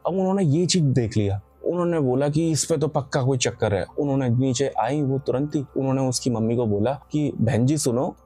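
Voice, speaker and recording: A man with a mid-range, dark-toned voice tells a horror story casually, rambling, correcting himself, and filling his narration with frequent asides.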